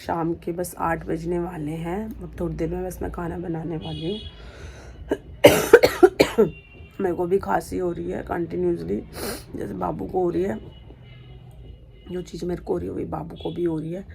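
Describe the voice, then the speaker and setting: A young woman with a hoarse, sore throat, chatting casually to viewers in a home vlog. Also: warm tone, a little hiss or hum. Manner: high playful baby talk to her infant. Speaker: vlogger. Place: home, indoors.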